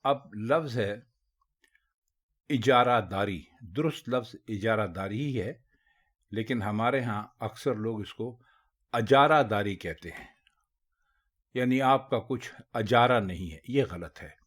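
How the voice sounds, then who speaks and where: A man with a lowish voice teaches Urdu pronunciation one word at a time. He speaks very slowly and deliberately, stressing each correct form. The tone stays patient and instructive throughout. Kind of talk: spoken word lesson.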